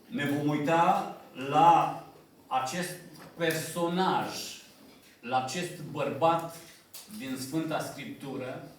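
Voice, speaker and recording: A man preaching a sermon in a church hall, building in pitch and force to stress points and slowing on key phrases. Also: distant mic, a little hiss or hum. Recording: echoey church hall from off mic.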